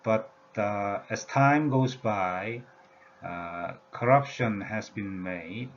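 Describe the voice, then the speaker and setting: Man, slow halting lecture, lots of "uh" fillers, low voice, dull lo-fi audio. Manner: halting, many "uh" and "yeah" fillers. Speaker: language teacher. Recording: dull lo-fi recording with faint room noise.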